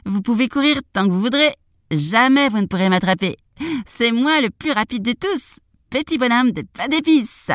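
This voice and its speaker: A man's voice: very high voice, animated, moderate pace, a bit bright, no echo, clean studio sound, voice pushed up. A woman voicing a cheeky, boastful little gingerbread man who taunts in a sing-song way. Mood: boastful taunting.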